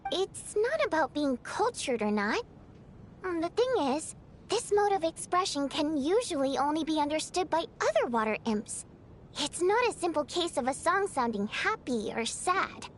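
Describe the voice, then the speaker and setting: A woman playing a spirited, cheerful young female water imp singer in a video game, expressive, theatrical and easily flustered. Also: high-pitched, normal speed, a little hiss or hum. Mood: earnest. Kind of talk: animated game voice acting.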